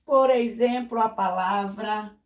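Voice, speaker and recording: Slow, patient woman teaching. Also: medium pitch. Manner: slow, patient, repeats examples and checks understanding. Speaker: Portuguese teacher. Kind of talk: classroom explanation.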